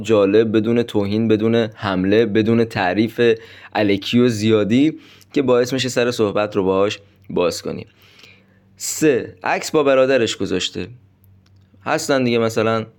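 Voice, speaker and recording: Guy with a lowish voice doing a dating tips lesson, chatty and direct, talks to you like a buddy. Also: a little mellow. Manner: direct, chatty, addresses listeners as friends. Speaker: dating coach. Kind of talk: instructional monologue with numbered tips.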